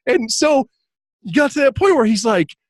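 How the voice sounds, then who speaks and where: A man's voice: very high-pitched, moderate pace, no echo. A man telling a story in casual podcast chat, laughing often and acting out quoted lines. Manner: animated, laughs often, acts out quotes in raised voice. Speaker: podcast guest, hypnotist.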